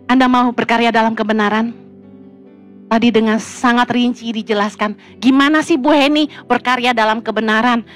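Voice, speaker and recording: High-voiced woman pastor preaching. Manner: lively, colloquial, humorous storytelling. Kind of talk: sermon.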